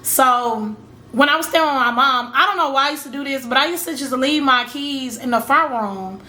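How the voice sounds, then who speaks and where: A bright, high-pitched woman tells a story to camera at a normal pace as a storytime vlogger. She's chatty and rambling, calls her viewers "y'all," and acts out how she reacted.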